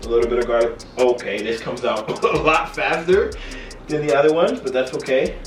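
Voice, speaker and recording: A man's voice: medium pitch, moderate pace. Tipsy man rambling in an echoey kitchen. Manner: tipsy, loose and rambling, losing track mid-sentence. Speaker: home cooking show host. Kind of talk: casual chat to camera while cooking. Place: home kitchen. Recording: roomy echo, distant mic, music behind.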